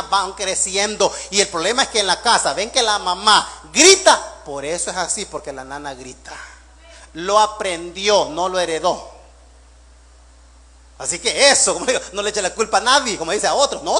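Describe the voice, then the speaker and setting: A male pastor preaching a sermon, with rhetorical questions, loud emphatic bursts and quiet asides. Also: sits high, animated, normal speed.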